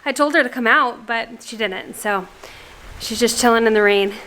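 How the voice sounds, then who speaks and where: Woman, high voice, casual vlog chat, rambling, gardening vlogger. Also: normal speed, a bit bright, a little hiss or hum. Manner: chatty, rambling, sighs. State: out of breath. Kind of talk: casual vlog talk to camera. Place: garage, storm outside.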